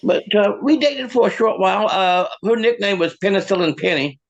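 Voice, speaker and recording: A male comedian works through a stand-up set, stammering through rambling setups. His voice sits high and has a gravelly fry. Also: normal speed.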